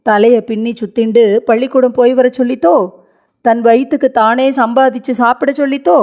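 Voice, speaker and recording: A woman's voice: fairly high pitch, steady tone, brisk, dark tone, pitched above the performer's own voice, natural voice. A woman voicing a grieving elderly grandmother in a read-aloud story, lamenting and pleading through tears. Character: grieving elderly grandmother, widowed young, stubborn.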